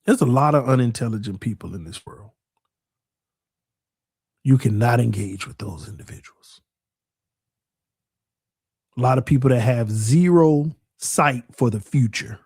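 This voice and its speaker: A man's voice: mid-range voice, measured pace, pauses often, a little mellow, slightly rough, no room sound, clean studio sound. Earnest forty-year-old man preaching at the mic. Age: 40s. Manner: earnest, repetitive, builds to emphatic preaching. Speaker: sports podcast host. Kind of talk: casual preachy monologue.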